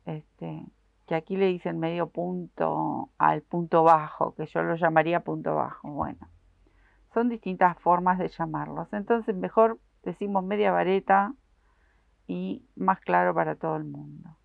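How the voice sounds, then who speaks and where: A woman's voice: fairly low pitch, unhurried, creaky, no room sound. A woman explaining a crochet pattern step by step, talking patiently to her viewers while she works. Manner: patient, explains each stitch while working; uses many diminutives, addresses viewers directly. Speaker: crochet instructor. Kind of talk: step-by-step craft tutorial. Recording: dry, tinny phone-like sound.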